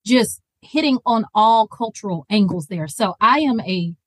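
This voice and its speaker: A woman's voice: mid-range voice, animated, unhurried, no room sound. A woman with a Southern accent from Georgia, chatting casually and emphatically as an effusive podcast guest. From Georgia, USA. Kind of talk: casual chat.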